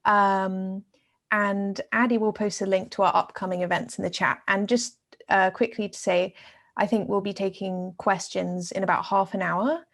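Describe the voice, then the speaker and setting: Woman host, online event welcome, gravelly, halting with fillers, video call. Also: mid-range voice, fairly even intonation, a bit bright. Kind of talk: opening announcement.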